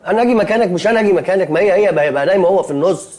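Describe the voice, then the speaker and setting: An actor playing a fussy, anxious young man in a TV comedy, speaking with an Egyptian accent and quick to protest. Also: high-pitched, a little mellow, natural voice. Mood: jittery. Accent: Egyptian Arabic. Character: jittery, fussy young man sharing a hotel room. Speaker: sitcom character. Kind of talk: TV comedy acting.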